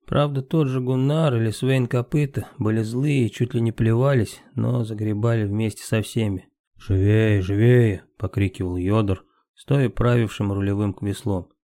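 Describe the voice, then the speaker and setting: A man reading a story aloud as an audiobook narrator, steady scripted narration. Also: on the low side, no room sound, studio quality.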